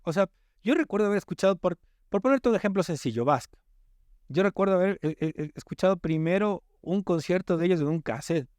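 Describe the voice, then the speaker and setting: A man's voice: high-pitched, lively intonation, fairly quick, darkish tone, no echo. Emphatic man explaining in a dry room. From Ecuadorian coast. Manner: emphatic, explanatory, repeats words when starting. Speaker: guest music producer. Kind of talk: casual podcast chat.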